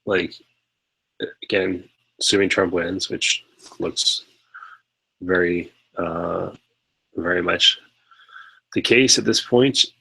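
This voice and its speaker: Low gravelly guy rambling on a podcast, kinda husky, lots of um and you know. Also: fairly even intonation, slow, pauses often, bright, forceful tone, low-quality recording. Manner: rambling, many fillers and restarts. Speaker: podcast co-host. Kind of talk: casual political discussion.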